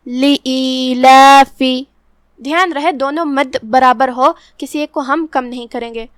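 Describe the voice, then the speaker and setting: A woman teaching Quran recitation rules, explaining each letter calmly and reciting verses very slowly. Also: sits high, no echo, studio quality. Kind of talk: tajweed lesson with slow recitation.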